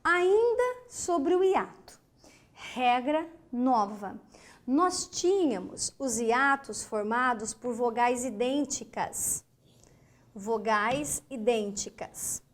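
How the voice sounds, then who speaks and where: This online grammar teacher from Brazil speaks slowly and with emphasis, answering the questions she herself asks and breaking words into syllables. Her voice is on the high side and animated.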